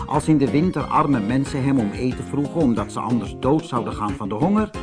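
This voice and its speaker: A man reads a fairy tale aloud as a storybook narrator. His pitch moves lively up and down at a middle register, in an expressive telling.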